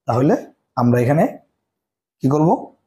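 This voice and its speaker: Male chemistry tutor, mellow, dark tone, self-answering quiz style. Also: medium pitch, expressive, slow. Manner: asks questions and answers them himself, repeats key terms. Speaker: chemistry teacher. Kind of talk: classroom lecture.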